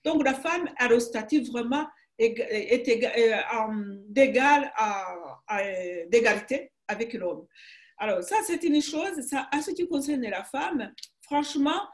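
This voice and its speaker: Woman, 60s, author being interviewed, slow-paced, slightly high voice, halting, hesitant phrasing. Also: lively intonation. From Rwanda. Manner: halting, searching for words, many restarts. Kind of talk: public conversation interview.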